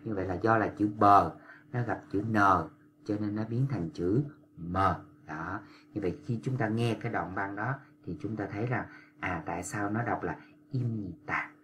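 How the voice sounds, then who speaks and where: Guy teaching a language class, really low voice, slow repeats, faint hum behind. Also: fairly bright tone. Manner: patient, repetitive, drawn-out demonstrations of pronunciation. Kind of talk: explanatory lesson for language learners.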